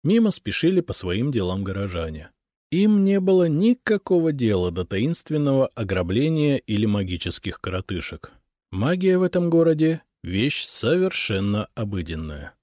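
A man narrating a first-person audiobook with expressive delivery. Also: medium pitch, moderate pace, no echo, clean studio sound.

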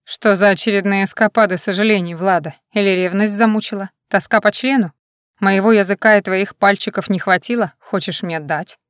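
A woman's voice: medium pitch, brisk, clean tone, no echo, studio quality, natural voice. A woman reading the lines of a domineering, possessive man in an audiobook, in a cold, mocking way.

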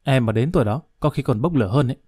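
A man's voice: mid-range voice, rapid-fire, dark tone, slightly rough, dry recording, clean studio sound, lightly acted. A man playing a nervous, timid husband who talks in an anxious, placating way.

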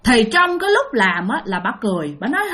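Chatty woman storyteller, high and animated, talks straight to her listeners. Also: fast. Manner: chatty, addresses listeners directly. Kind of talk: spoken ghost story.

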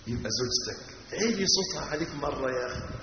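A male preacher with an Egyptian accent delivers a mosque lesson, his voice rising high and dropping low with animated swings. He is recorded in a large hall with heavy echo and a long tail of reverb. The audio is dull and lo-fi, with faint background noise. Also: fast. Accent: Egyptian Arabic. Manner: animated, swings from hushed to loud.

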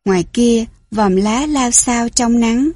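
A woman reading a story aloud in a gentle, clear manner. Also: on the high side, slow, no room sound, clean studio sound. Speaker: narrator.

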